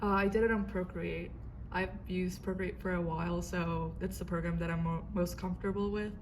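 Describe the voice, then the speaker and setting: A young woman from Argentina, an art student, answering interview questions softly and a little hesitantly in a classroom. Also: fairly low pitch, steady tone, fairly quick, a little hiss or hum. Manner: soft-spoken, hesitant with fillers.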